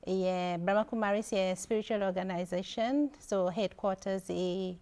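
A woman's voice: mid-range voice, fairly even intonation, moderate pace, dark tone. An older woman, a doctor and studio guest, answering hesitantly and searching for words, on a lapel mic. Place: TV studio, indoors.

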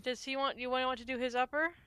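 A woman chatting casually during a game, laid-back and quick to laugh. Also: sits high, steady tone, fairly bright tone, smooth, dry recording. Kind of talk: casual gaming chat. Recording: noisy background.

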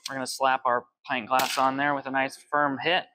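A man's voice: medium pitch, level tone, normal speed, very noisy. A young man in his twenties working as a bartender, walking through cocktail recipes step by step at an indoor bar. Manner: friendly step-by-step instructions while mixing. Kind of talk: cocktail demonstration. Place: indoor bar with shelves of bottles.

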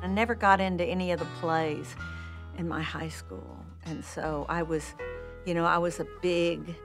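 Over music, an older Texan woman with a gravelly, fairly low voice and fairly even intonation talks at a normal speed about her beginnings as an actress. She is interviewed in an indoor room with curtains and plants, speaking in a Texan accent, warmly and candidly, often laughing and restarting sentences.

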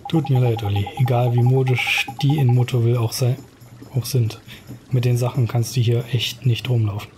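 A man's voice: mid-range voice, steady tone, normal speed, heavy background noise, natural voice. Man reading as a brash little fairy sidekick. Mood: blunt. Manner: slangy, blunt, grumbling. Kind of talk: reading game dialogue aloud.

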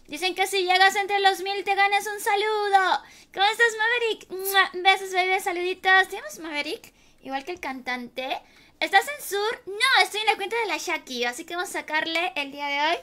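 A hoarse woman who is losing her voice, hosting a casual late-night gaming livestream and affectionately greeting her viewers by name. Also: very high-pitched, moderate pace, pushed and bright. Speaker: livestream gamer host.

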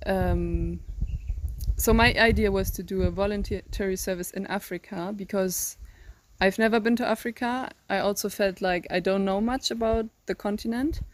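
A woman's voice: mid-range voice, a little hiss or hum. Young woman, German accent, non-native English, hesitant, thoughtful, outdoor garden interview, phone mic. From northern Germany. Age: teens. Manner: thoughtful, searching for words, many ums and restarts. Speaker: interview guest, volunteer. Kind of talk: casual interview answers. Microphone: handheld phone held by interviewer.

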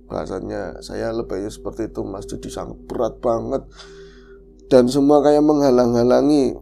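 A man, a former street thug, tells his story in an earnest, emotional way. His voice is deeply gravelly and dark, with a mid-range pitch. He talks in a relaxed, conversational manner. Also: moderate pace, faint music behind. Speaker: guest, reformed street thug. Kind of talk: casual storytelling interview.

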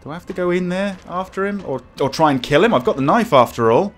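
A man's voice: high-pitched, lively intonation, fast talker. A man giving casual let's play commentary as a scared, jumpy horror game streamer who exclaims and swears. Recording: music behind the voice.

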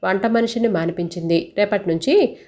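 An outspoken old milkman grumbles with blunt indignation, voiced by a woman narrating a story. His voice is a plain, mid-pitched storyteller's voice. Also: normal speed, a little mellow, close to an everyday voice. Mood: indignant.

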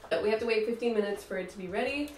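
A woman's voice: medium pitch, rapid-fire, darkish tone, slight background noise. Chatty woman, roomy distant sound. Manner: chatty, lots of fillers, laughs easily. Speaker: vlog co-host. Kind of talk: casual taste-test chat.

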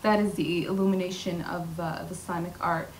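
Her lowish voice is brisk with fairly even intonation, and a slight hiss or hum runs beneath it. This young woman, a featured artist speaker, delivers an earnest personal talk at a podium mic in a large indoor hall with a glass wall, often using fillers and restarting sentences. A distant room mic captures her, along with faint hall ambience.

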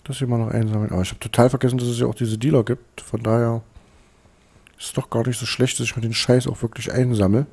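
A man casually commenting on his gameplay, excitable and mocking, with frequent swearing. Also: medium pitch, quick pace, gravelly, breathy edge. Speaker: let's play host. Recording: game music behind voice.

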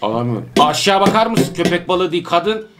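A man giving excitable casual commentary while coaching his daughter through a video game. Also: sits high, fairly quick, noisy background. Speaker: parent playing with his daughter. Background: game music.

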